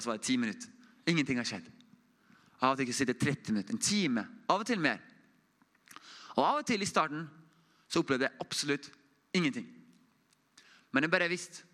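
A young man preaching an informal testimony sermon as a mission report, earnest and conversational, often dropping to a hush. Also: medium pitch. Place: church.

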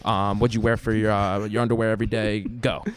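A man's voice: on the low side, flat delivery, clear, resonant tone. A man hosting a casual podcast chat, joking and firing off questions. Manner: joking, rapid-fire questions. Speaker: podcast host.

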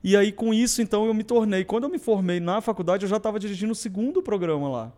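Animated, high-voiced man telling stories. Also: fast talker. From southern Brazil. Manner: animated, acts out quoted dialogue. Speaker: guest photographer. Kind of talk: casual interview storytelling.

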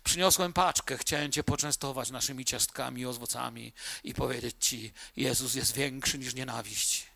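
A male preacher voicing a gaunt, forgiving male prisoner, speaking softly and calmly in a lower voice. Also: moderate pace, gravelly. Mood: quiet, calm.

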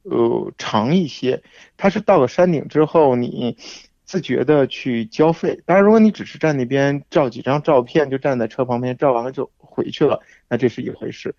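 A man as the guest on a radio talk show, explaining things in a measured way with frequent fillers. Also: medium pitch, creaky, a little mellow, no room sound, muffled recording. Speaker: guest hiking expert. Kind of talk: casual radio interview.

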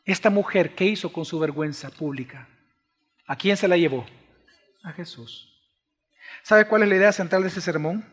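High-voiced preacher in a hall. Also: male voice, normal speed, long pauses. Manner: swings from hushed pleading to raised, emphatic preaching. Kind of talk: sermon. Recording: long reverb of a large hall.

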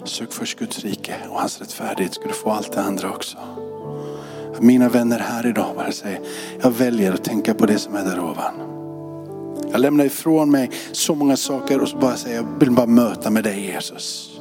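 A male pastor leading a closing prayer and telling a story in a church service, speaking with a fervent, repetitive cadence. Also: mid-range voice. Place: church sanctuary. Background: music playing under the voice.

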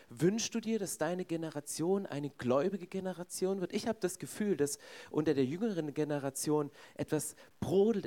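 A man's voice: fairly high pitch, dark tone. A man preaching a sermon in a conversational way, speaking directly to his congregation.

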